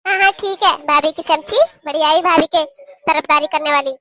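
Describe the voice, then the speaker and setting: A woman voicing a sharp-tongued, nagging middle-aged mother-in-law in a cartoon, talking in a scolding, taunting way. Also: high-pitched, moderate pace. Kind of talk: cartoon voice acting.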